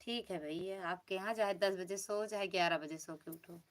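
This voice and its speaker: A woman's voice: medium pitch, moderate pace. A woman with an Awadhi accent hosting a casual live stream from home, chatting and teasing as she greets each viewer by name. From Uttar Pradesh, India.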